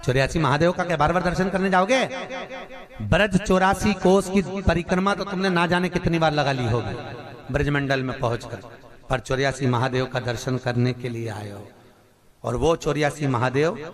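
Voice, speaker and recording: Animated preacher man before a crowd. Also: on the high side. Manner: animated, rhetorical questions to the crowd. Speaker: Shiv Puran preacher. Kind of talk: devotional sermon storytelling. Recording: crowd audible behind voice. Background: crowd laughing and responding.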